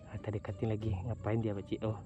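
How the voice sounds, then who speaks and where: A man vlogging outdoors as he flies a drone, giving playful running commentary in a teasing way with bursts of loud, high shouting. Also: completely flat delivery, fast, dull audio. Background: background music.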